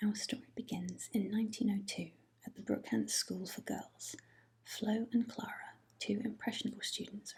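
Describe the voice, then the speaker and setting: A woman whispers like a hushed librarian in an ASMR video. Her voice is very breathy and almost entirely unvoiced, with creaky edges. She chats and reads aloud in an unhurried way. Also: mid-range voice, poor audio. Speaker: host of an ASMR book haul video.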